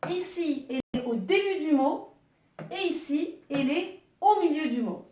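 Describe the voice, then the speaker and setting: High-voiced woman teaching, echoey room. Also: lively intonation, moderate pace, mellow, recorded from a distance. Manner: patient, with frequent hesitations. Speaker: Arabic teacher. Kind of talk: online language lesson.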